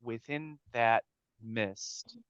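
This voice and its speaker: A man narrating a tabletop game as game master, improvising descriptions in a halting, deliberate way. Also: mid-range voice, a bit bright, clean tone, no echo, highs cut off.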